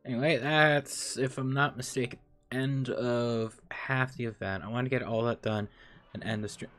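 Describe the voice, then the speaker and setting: A man streaming a game, muttering quietly to himself as he plays and thinking aloud. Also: medium pitch, steady tone, moderate pace, faint music behind. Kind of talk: casual gameplay commentary.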